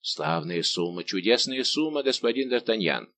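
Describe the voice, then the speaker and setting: A man's voice: fairly low pitch, big pitch swings, normal speed, a bit bright, slight background noise. A man reading as Planchet, the nervous grocer. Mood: delighted. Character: middle-aged male grocer, former soldier, anxious then overjoyed.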